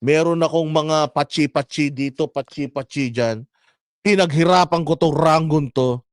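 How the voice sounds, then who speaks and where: A man's voice: a little high, measured pace, no room sound, clean studio sound. A man hosting his own vlog, delivering a sarcastic political commentary rant and swearing often. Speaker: vlogger host.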